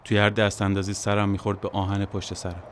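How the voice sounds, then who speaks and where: A man telling a first-person story in a quiet, measured, brooding way. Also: lowish voice, monotone, noisy background.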